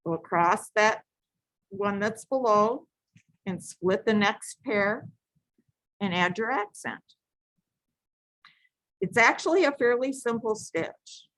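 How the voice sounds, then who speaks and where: A woman leads a live beading lesson from her craft table, talking slowly and calmly through each step. She repeats each instruction and now and then restarts a phrase. Her voice sounds close and dry, with no room echo. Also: medium pitch. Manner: patient, repetitive step-by-step instructions with self-corrections.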